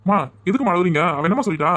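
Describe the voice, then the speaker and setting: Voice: medium pitch, lively intonation, rapid-fire, a bit bright, pitched below the performer's own voice, lightly acted. A performer putting on a grown son's voice, soothing his crying mother in a family skit. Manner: placating, soothing. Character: mild grown son caught between wife and mother.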